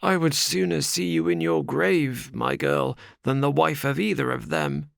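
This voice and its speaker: A man voicing a furious old farmer who shouts at his daughter's unwanted suitors. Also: on the high side, unhurried, gravelly, dry recording, clean studio sound, voice pushed up. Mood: agitated. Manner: shouting, sardonic. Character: furious old male farmer, fierce father.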